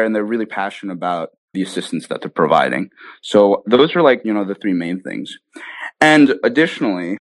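Speaking with fairly low pitch and no room sound, a man being interviewed about the app he founded explains his work enthusiastically. His conversational style is dotted with "you know" and frequent check-ins of "right?".

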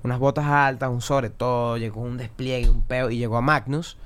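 A young man with a Venezuelan Spanish accent tells stories in a loose, slangy way. His voice sits at a middle pitch, and he talks like he is chatting casually on a podcast. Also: moderate pace. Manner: slangy, animated anecdote telling. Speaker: singer-songwriter guest.

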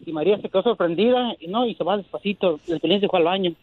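A male caller with a fairly high voice tells a rambling joke over a tinny phone line. He is chatty and loose, and he repeats himself as he builds to the punchline. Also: quick pace, no echo. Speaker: caller telling jokes.

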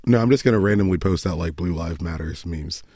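A man's voice: deep voice, fairly quick, dark tone, no room sound. A man co-hosting a casual soccer podcast, talking in a dry, sarcastic, matter-of-fact way. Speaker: podcast co-host.

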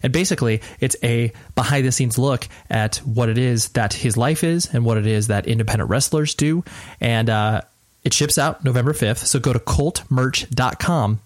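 An American man hosting a podcast at night, keeping his voice quiet and restrained as he rambles informally and earnestly through a casual intro. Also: medium pitch, normal speed, no room sound, studio quality. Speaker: podcast host. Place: at home at night, next door to a sleeping person.

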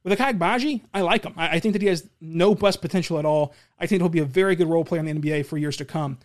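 A man's voice: a little high, very fast. A man hosting a casual basketball podcast, answering listener questions in a rambling, opinionated way, often repeating and restarting words. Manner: opinionated, confident. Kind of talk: casual solo talk show.

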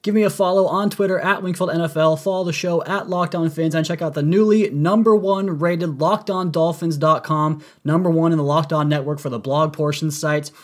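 A man's voice: a little high, fairly even intonation, brisk, hardly any pauses. A man hosting a sports podcast with enthusiastic, wordy commentary, his voice strained and congested from a sore throat, like swollen tonsils. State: sore throat from a cold, voice partly lost.

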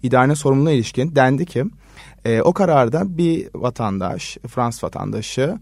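A man who is a legal scholar answers interview questions at an unhurried, measured pace, stopping often to hesitate mid-sentence. His voice sits at a middle pitch. The recording is dry and close. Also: lively intonation, a little mellow, breathy edge, dry recording. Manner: measured, frequent hesitation fillers. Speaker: law research assistant, guest expert. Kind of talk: explanatory radio interview answers.

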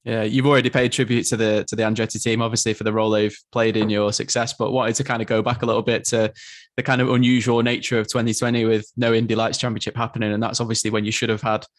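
A man hosting a racing podcast rattles off long, loose questions padded with fillers. His voice stays fairly even in pitch, and the recording sounds dry and close. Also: fast talker, dry recording. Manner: rambling questions full of fillers. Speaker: podcast host.

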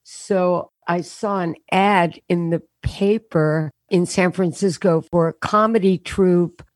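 A woman comedian telling stories in an interview over a remote call, her voice deeper than usual and worn from a show and rehearsals. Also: fairly even intonation, a little mellow, no echo. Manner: anecdotal, self-mocking, quick punchlines. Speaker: comedian guest. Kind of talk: casual storytelling interview. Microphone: remote call over unstable internet.

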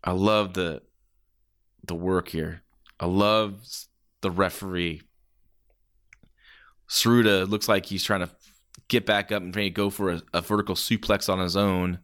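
A man's voice: deep voice, fairly even intonation, measured pace, long pauses, a bit bright. A man doing casual play-by-play as a wrestling commentator, reacting with exclamations and the odd swear word.

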